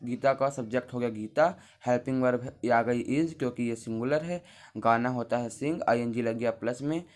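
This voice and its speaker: Male teacher, mid-pitched, patient, spells words out, talks to kids at the board. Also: normal speed, a little mellow. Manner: patient, explains step by step, spells words out letter by letter; talks to the class as children. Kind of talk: Hindi grammar lesson at a board.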